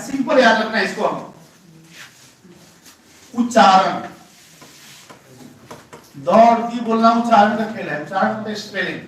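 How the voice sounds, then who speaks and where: A high-pitched male teacher lectures a grammar class, going over each rule again and quizzing his students. His voice lands from a distance in a strongly echoing room. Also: fairly bright tone. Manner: repeats points, poses rhetorical questions to students. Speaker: English teacher. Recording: very echoey room, voice from far off the mic.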